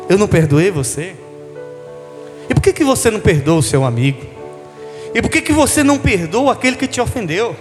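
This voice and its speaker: A man's voice: sits high, very animated, a little fast, long pauses, big-room sound, faint music behind, voice pushed down. A Brazilian preacher man voicing a stern king who reproaches his servant in a parable. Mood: reproachful. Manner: reproachful, questioning. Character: stern male king rebuking an unforgiving servant.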